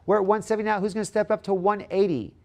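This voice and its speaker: Male auctioneer, high voice, steady bid-calling patter with repeated figures and calls for the next bid. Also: rapid-fire.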